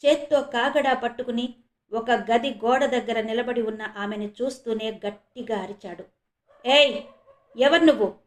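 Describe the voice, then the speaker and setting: A woman from India reading a serialized horror novel aloud as a storyteller, steady and dramatic. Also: fairly high pitch. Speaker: storyteller, channel host. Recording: roomy echo.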